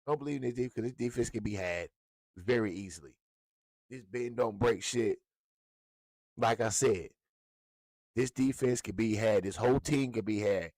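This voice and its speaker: A man's voice: on the low side, normal speed, pauses often, darkish tone, dry recording. A man giving a blunt, profane, heated rant as a sports commentator. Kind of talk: ranting sports talk.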